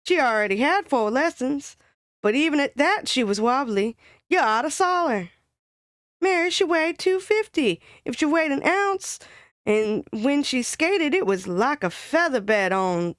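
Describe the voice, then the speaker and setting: A woman's voice: sits high, no echo, clean studio sound. A woman voicing a chatty, dramatic young working-class woman in an old-timey comic monologue, gabbing in folksy slang. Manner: gabby, colloquial, exaggerated storytelling.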